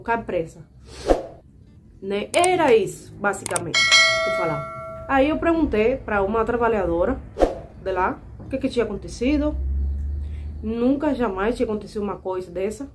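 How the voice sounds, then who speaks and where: A Cuban woman in her twenties, speaking Portuguese as a second language with a Cuban Spanish accent, chatting casually to her viewers as she tells a story. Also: medium pitch. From Cuba. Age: 20s. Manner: chatty, animated, frequent fillers and asides to viewers. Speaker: vlogger.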